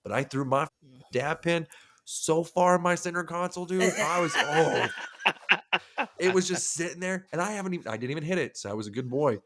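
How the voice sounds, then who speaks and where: Swearing, animated male podcast storyteller. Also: fairly high pitch, brisk, noisy background. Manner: animated, profane, acts out quoted dialogue. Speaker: podcast co-host. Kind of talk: casual storytelling chat.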